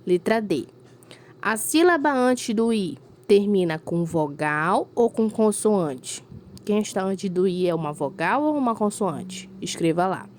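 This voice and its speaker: A woman's voice: medium pitch, darkish tone. A woman teacher, giving a recorded lesson to a fifth-grade class and explaining patiently step by step with frequent check-ins. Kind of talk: recorded remote school lesson.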